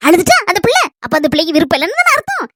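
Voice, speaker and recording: A woman acting a village woman in a comedy skit, with a Kanyakumari Tamil accent, who pleads and scolds with animated energy. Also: very high-pitched, racing, heavy background noise, heavily acted. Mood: scolding. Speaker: skit actress.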